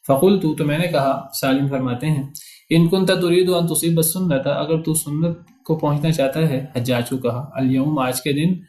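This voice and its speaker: A man's voice: on the high side, fairly even intonation, darkish tone, reverberant. A man teaching a religious lecture. He reads short Arabic passages and explains each word in turn. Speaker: hadith teacher.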